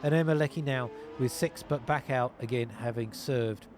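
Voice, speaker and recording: A man calling an online sim racing league race, narrating positions, tyres and penalties in steady play-by-play over a headset. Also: mid-range voice, normal speed, slight background noise. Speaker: lead commentator.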